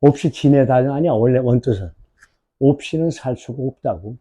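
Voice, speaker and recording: A man with a Korean accent and a husky, dark, mid-range voice gives an English exam prep lecture. He asks questions and draws English words out slowly.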